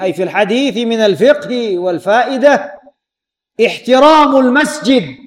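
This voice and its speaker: High-voiced man teaching hadith. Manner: repeats key words and quizzes students with "what?". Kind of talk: Islamic lesson explaining a hadith.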